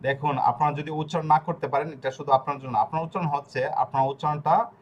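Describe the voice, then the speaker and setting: Male language teacher, slightly high voice, slow syllable-by-syllable spelling on a video call. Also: fairly even intonation, highs cut off. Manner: spells words out letter by letter, slow and deliberate; tells students to stay muted. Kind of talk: online class teaching pronunciation.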